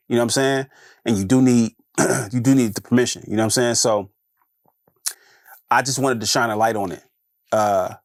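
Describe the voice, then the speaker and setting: A man's voice: mid-range voice, no room sound. A man talks through his views in a loose, chatty podcast monologue. He circles back on phrases and keeps checking in with the listener. The sound is dry and close, with no room around it. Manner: conversational, repeats phrases, frequent "you know what I'm saying". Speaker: podcast host. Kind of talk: casual solo commentary.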